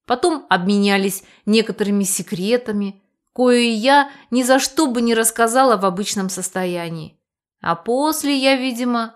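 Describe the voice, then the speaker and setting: A woman reads a first-person audiobook with a wry, lively storytelling manner. Her voice sits in an ordinary middle pitch. She keeps a conversational, humorous tone. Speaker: audiobook narrator.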